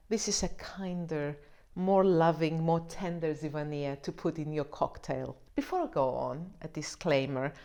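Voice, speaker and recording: A woman's voice: fairly low pitch, a little mellow. A woman presenting a drinks vlog in a scripted explainer style, with wry, playful asides. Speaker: wine vlogger.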